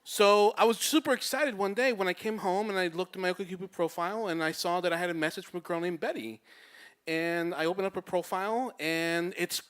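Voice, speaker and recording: A young man telling a personal story on stage, animated and acting out the people he quotes. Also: brisk, clear, resonant tone. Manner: animated, acts out quotes with big pitch jumps.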